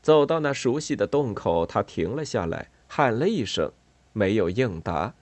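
A man reads a children's story aloud in a calm storytelling voice. His pitch rises and falls with lively shape, and the recording is dry and close to the mic. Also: normal speed, no room sound. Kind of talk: storybook narration.

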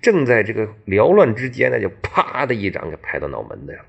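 A man telling a martial arts tale in an animated oral storytelling style, with exclamations and sound effects. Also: fairly low pitch, brisk, creaky, slightly rough, highs cut off.

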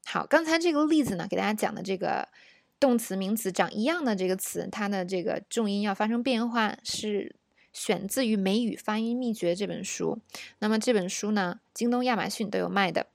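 A woman from China teaching English pronunciation, explaining patiently and modeling words slowly. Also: medium pitch, vocal fry, no room sound, studio quality. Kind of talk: spoken language lesson.

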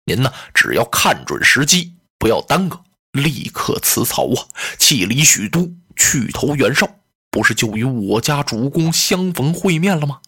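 A male storyteller voicing an earnest, scheming male advisor in a lowered, confiding tone. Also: very animated, unhurried, bright, forceful tone, husky, full character voice.

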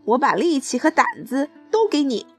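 A woman's voice: high voice, big pitch swings, normal speed, soft background music. A woman voicing a proud, stubborn young monkey king in a children's story, speaking firmly and insistently.

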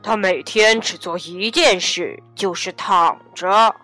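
A woman voicing a fast, proud cheetah who speaks in a scornful, clipped way in a children's story. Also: medium pitch, bright, forceful tone, soft background music, voice pushed down.

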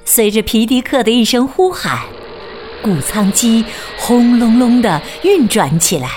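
A woman telling a children's story, gentle and expressive in her narration. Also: fairly high pitch, unhurried. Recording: faint background music.

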